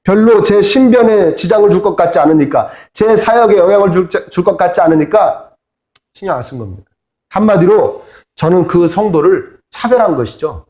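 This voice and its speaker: A man's voice: sits high, lively intonation, normal speed, darkish tone. A middle-aged man preaching as a pastor, in a conversational sermon with humorous asides. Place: church sanctuary. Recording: echoey church hall.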